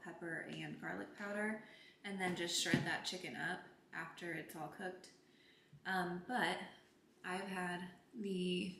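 In a casual vlog, a twenty-something lifestyle vlogger speaks upbeat to the camera about products and meal prep, moving from a parked car to her home kitchen. Her lowish voice sounds reverberant, with slight noise behind it.

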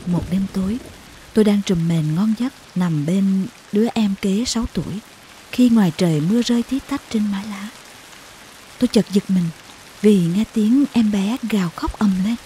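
A woman reading a heartfelt story aloud as a narrator, slow and tender in her storytelling. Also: mid-range voice, warm tone, a little hiss or hum. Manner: slow, tender storytelling with emotional acted quotes. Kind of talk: scripted audiobook narration.

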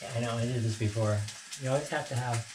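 Talking fast at a medium pitch, an American man in his sixties narrates a casual home cooking vlog from his small kitchen, chatting and correcting himself as he moves through each step. The recording is noisy, with constant frying and sizzling in the background.

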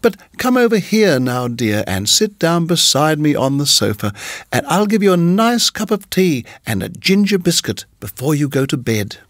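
A genteel older landlady played by a male narrator in a storybook reading. The voice is pitched up and lilts widely, dainty and gushing. She fusses and coaxes with sweet insistence. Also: very animated, moderate pace, a bit bright, dry recording, studio quality. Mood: coaxing. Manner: dainty, fussing, coaxing. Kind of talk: audiobook character voice.

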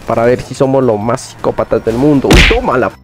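A young man commentating his gameplay in an excitable, rowdy way, with constant startled yelps and quick laughs. His voice sits at an everyday middle pitch and shoots up when the action surprises him. Faint music plays underneath. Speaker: gaming youtuber.

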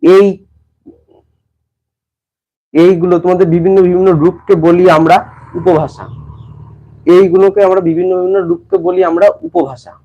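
A man's voice: sits high, fairly even intonation, normal speed, long pauses, dark tone, lo-fi sound. A man from West Bengal teaching an exam-prep lesson to students. He often repeats phrases and restarts as he explains.

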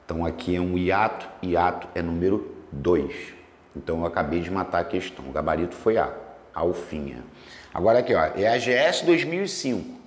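A man teaching exam grammar, working through test questions and drawing out words slowly to split them into syllables. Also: low voice, reverberant, long reverb tail. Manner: lively, stretches words slowly to spell out syllables.

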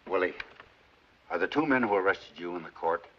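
An actor playing a courtroom judge who speaks formally and deliberately, in a 1940s film drama. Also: male voice, deep voice, expressive, a little hiss or hum. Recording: dull old film soundtrack.

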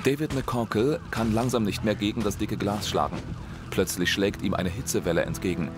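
A man's voice: on the low side, moderate pace, heavy background noise. A man narrating a dubbed disaster documentary in a dramatic, suspenseful studio voice-over. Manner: suspenseful, building tension with questions. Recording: clear music under voice. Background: music and sirens.

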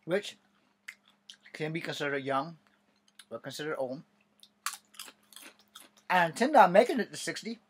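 A man's voice: fairly high pitch, lively intonation, measured pace, pauses often, a little hiss or hum. A man about to turn fifty, talking to his webcam in a cluttered bedroom, wry and sarcastic, swearing now and then. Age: 40s. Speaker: vlogger. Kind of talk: casual webcam monologue. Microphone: webcam at desk distance.

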